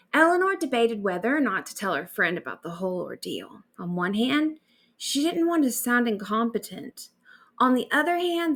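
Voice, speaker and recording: A woman with a slightly high voice reads a bedtime story aloud, her delivery very animated and swooping. She tells the tale expressively, like a storyteller sharing it with listeners.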